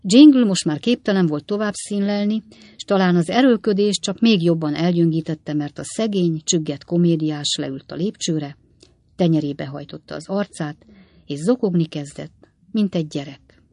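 A woman narrating a novel aloud in a steady, measured storytelling manner. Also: fairly low pitch, no echo. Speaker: audiobook narrator.

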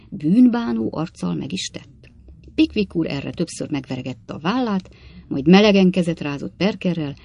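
Guy reading an old novel aloud, steady pace, a bit gravelly. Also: high voice, dry recording. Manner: steady, measured storytelling. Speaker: audiobook narrator. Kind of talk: scripted narration of a classic novel.

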